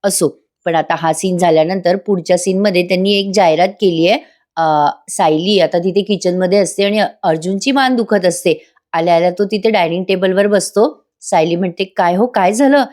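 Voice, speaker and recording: A woman's voice: on the low side, steady tone, normal speed, darkish tone. A woman giving a voice-over recap of a TV serial episode, chatting directly to her viewers. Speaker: TV serial reviewer.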